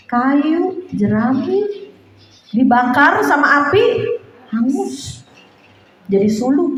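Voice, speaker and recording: A woman's voice: on the high side, slight background noise. Woman preaching in an echoing church. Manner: animated preaching, addresses listeners as brothers and sisters, acts out quoted voices. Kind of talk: sermon. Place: church hall. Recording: very echoey hall, dull lo-fi sound.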